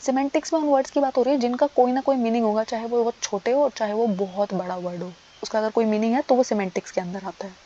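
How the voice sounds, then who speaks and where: A woman teacher rattles through an exam-prep lecture at high speed. Her voice sits a little high yet sounds mellow, and she keeps asking questions and answering them herself. The audio is dull and lo-fi. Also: fairly even intonation, fast, hardly any pauses.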